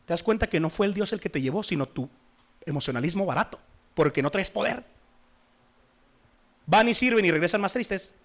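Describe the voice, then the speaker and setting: A man preaching a sermon to his congregation, swinging between loud exhortation and soft asides. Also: high-pitched, expressive, brisk, long pauses. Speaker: pastor.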